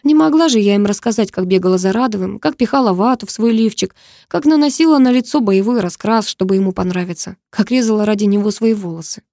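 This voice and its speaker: A woman's voice: medium pitch, quick pace, mellow, no room sound, studio quality. A woman narrating a first-person novel in an emotive reading that lifts into the dialogue. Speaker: audiobook narrator.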